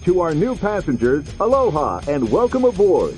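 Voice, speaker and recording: Transit announcer: a man on a train loudspeaker, slow measured delivery over music. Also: fairly high pitch, sing-song, low-quality recording.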